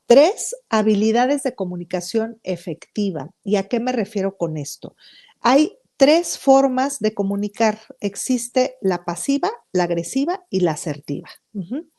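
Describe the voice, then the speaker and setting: A woman's voice: mid-range voice, dark tone. A woman with a Mexican accent, a psychologist guest on a podcast interview who explains her points one by one in an upbeat, emphatic way.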